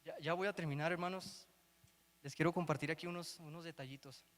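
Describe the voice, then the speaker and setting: Preacher guy, high voice, acts out the bible story, big echoey church hall. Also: fairly even intonation, a little fast, a bit bright. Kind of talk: sermon. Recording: long hall reverb.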